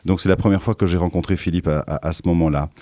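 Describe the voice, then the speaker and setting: A man's voice: low voice, steady tone, quick pace, warm tone, dry recording. A man speaking as a guest on a radio interview, articulate and enthusiastic but with fillers. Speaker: radio guest, university theatre organiser.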